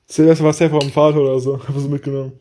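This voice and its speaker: A young man with a somewhat high but mellow, soft voice, bantering with a friend. He jokes and teases in relaxed youth slang. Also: rapid-fire, a little hiss or hum. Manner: teasing, joking replies in youth slang. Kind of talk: casual chat.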